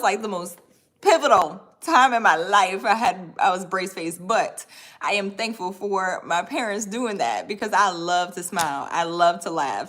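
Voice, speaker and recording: In a casual livestream, a woman in her thirties who coaches online courses reads viewer comments and talks about her courses. Her medium-pitched voice is a bit bright, and she's friendly and upbeat, often saying "y'all" and "right."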